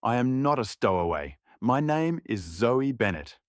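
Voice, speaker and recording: A man voicing a young woman passenger who speaks politely and grows frightened, raising his voice high for her. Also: big pitch swings, unhurried, no room sound, clean studio sound. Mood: polite, panicked. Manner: polite, rising to frightened shouts.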